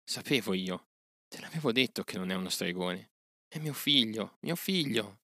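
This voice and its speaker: A gentle village mother, soft and pleading, as a male narrator puts her on, with a low bright voice and tender anxious delivery in a storybook reading. Her words come timid but loving. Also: normal speed, no echo.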